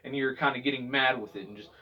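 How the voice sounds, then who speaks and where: With a bright, forceful tone at medium pitch, a man teaching vocal technique walks through a casual spoken tutorial. He stumbles, rambles, and says things more than once. The mic is far away and the audio dull.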